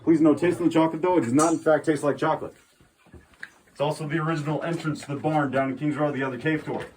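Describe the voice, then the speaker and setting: A man's voice: fairly high pitch, steady tone, fast talker, darkish tone. Guy giving a cave tour, casual n jokey, big cave echo, noisy background. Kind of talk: guided tour talk. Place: inside a cave. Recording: cave echo, distant mic, background noise.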